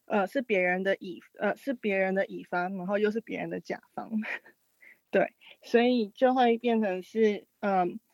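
A woman's voice: medium pitch, steady tone, moderate pace, no echo, muffled recording. A woman who works at an agency, speaking as a guest in a hesitant way with many fillers. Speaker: agency worker, guest caller.

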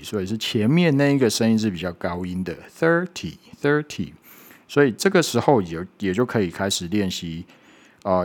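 A man with a somewhat low voice gives a spoken pronunciation lesson. He talks patiently and demonstrates each sound slowly, repeating it several times. He often checks in with a quick "OK". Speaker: English pronunciation teacher.

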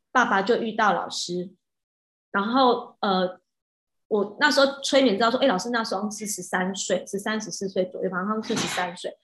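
A woman tells a personal story casually and with animation, often restarting her sentences. Her voice sits at a middle pitch. It rings with a roomy echo. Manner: animated, with frequent restarts and soft fillers. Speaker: hypnotist. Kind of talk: casual storytelling of a past-life regression.

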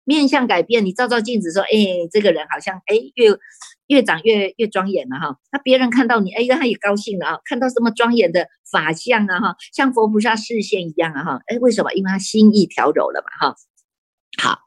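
A woman, a Buddhist nun with a Taiwanese Mandarin accent, giving a sutra sermon in an animated storytelling way, full of rhetorical questions and tag particles. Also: mid-range voice, breathy edge, no echo.

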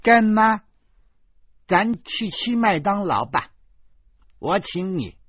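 A man reading a storybook, voicing a bold, stubborn little girl in a high childish voice. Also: big pitch swings, slow, husky, no room sound, highs cut off, heavily acted. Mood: eager.

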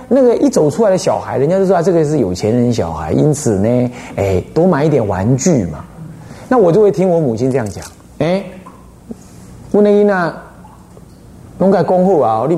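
A man with a Taiwanese Mandarin accent gives a lively Buddhist dharma lecture as an abbot. He tells stories and keeps asking the listeners rhetorical questions. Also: medium pitch. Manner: animated storytelling, frequent rhetorical questions.

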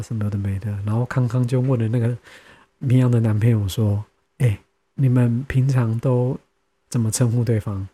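A man's voice: mid-range voice, mellow, slightly rough. A young man with a Taiwanese Mandarin accent hosting a podcast, telling stories in casual chat and acting out his friends' lines. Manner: chatty, acts out friends' lines, laughs often. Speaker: podcast host.

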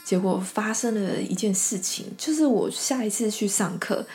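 A young woman, hosting a podcast and telling a story about her teaching job in a casual, chatty way, with many fillers and soft whispered asides. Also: medium pitch, normal speed. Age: young adult. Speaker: podcast host and children's class teacher.

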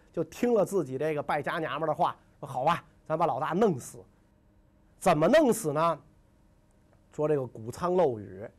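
A man telling ancient history as a comic story, full of jokes and chatty asides. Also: on the high side. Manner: joking, conversational, full of asides.

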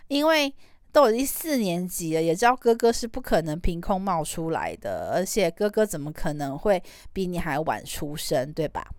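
Her voice sits lowish, sing-song and a little mellow, at normal speed. The recording is dry, with clean studio sound. Hosting a podcast with a Taiwanese Mandarin accent, she rambles chattily through a personal story, trailing off with particles in a casual monologue.

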